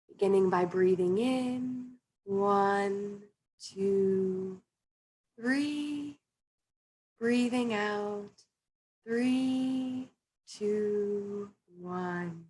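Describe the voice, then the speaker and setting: A woman leading a guided breathing meditation as a coach, with a soothing, gently instructing manner. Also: medium pitch, slight background noise, low-quality recording. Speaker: meditation coach and panel guest.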